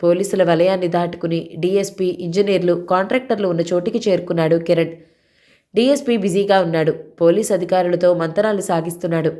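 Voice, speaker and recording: A woman narrating a novel in a steady storytelling manner. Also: fairly low pitch, brisk. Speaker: audiobook narrator. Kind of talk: novel reading.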